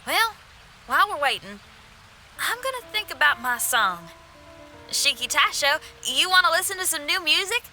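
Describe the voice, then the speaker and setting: Bright, folksy young rocker girl Xinyan. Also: sits high, big pitch swings, normal speed, faint music behind, full character voice. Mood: calm, confident. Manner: folksy, spirited. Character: spirited young woman rock musician, loyal and fiery. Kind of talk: animated video game voice acting.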